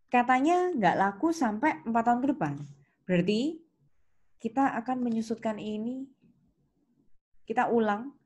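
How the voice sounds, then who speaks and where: A woman's voice, somewhat high yet darkish in tone, carries an Indonesian accent as she teaches accounting step by step. Her didactic lesson uses worked examples, questions, and reminders. Clear background noise and keyboard clicks accompany the recording.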